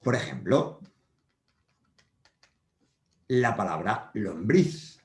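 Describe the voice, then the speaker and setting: A male teacher explains grammar at a whiteboard, patient and repetitive, checking that the class follows. His voice sits fairly low. The sound carries a roomy echo. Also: big pitch swings, extremely slow. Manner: patient, repeats points with frequent check-ins. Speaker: primary school teacher. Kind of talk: whiteboard grammar lesson for children.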